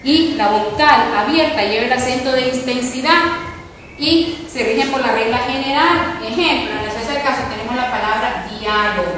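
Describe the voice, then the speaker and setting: A woman's voice: high voice, fairly bright tone, slight background noise. Woman teacher in an echoey classroom. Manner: repetitive, checks with students using ¿verdad?. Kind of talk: classroom lesson for broadcast. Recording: echoey room, mic far off.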